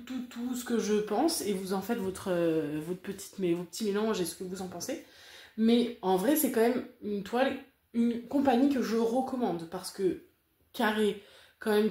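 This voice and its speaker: A woman's voice: mid-range voice, warm tone, roomy sound. A woman talking casually to her viewers in a frank, rambling vlog review, full of fillers and repeated words. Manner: chatty, frank, rambling with many fillers and repetitions. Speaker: craft vlogger reviewing a diamond painting kit.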